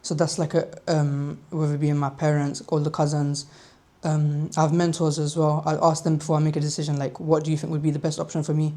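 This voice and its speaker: A woman's voice: low voice, level tone, fairly quick, mellow. A twenty-year-old woman who works in a school, giving earnest, considered interview answers.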